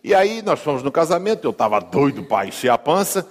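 Humorous Brazilian pastor preaching. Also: male voice, on the high side, big pitch swings, fairly quick. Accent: Brazilian Portuguese. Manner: humorous, conversational, asks the congregation. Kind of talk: sermon with storytelling. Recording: long hall reverb.

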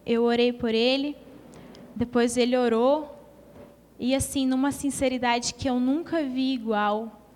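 A woman's voice: fairly high pitch, steady tone, a little slow, a little mellow. A Brazilian woman giving an earnest, emotional testimony in a church hall. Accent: Brazilian Portuguese.

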